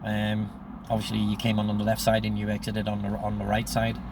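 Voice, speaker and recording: A sixty-year-old man from Northern Ireland, with the accent to match, rambles through stories from his own life, acting out conversations he remembers. His voice is lowish and monotone, a little fast, with background noise behind it.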